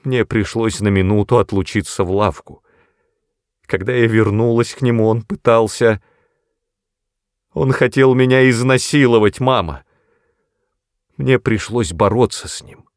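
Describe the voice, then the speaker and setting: A man voicing a distraught young woman who is shrill and tearful, breaking into cries. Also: measured pace, long pauses, no room sound, clean studio sound. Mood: anguished.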